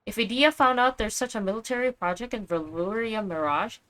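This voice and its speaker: A woman's voice: fairly high pitch, a little fast, a bit bright, a little hiss or hum, natural voice. Woman doing a chirpy little fairy companion. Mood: curious. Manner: eager, curious and chatty. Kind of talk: reading game dialogue aloud.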